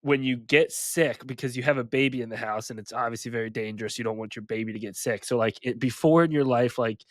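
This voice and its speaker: A man's voice: medium pitch, quick pace, no echo. Nasal, sick man chatting sports. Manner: self-mocking, laughing between points. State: sick with a head cold, nasal. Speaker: podcast co-host. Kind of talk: casual sports chat.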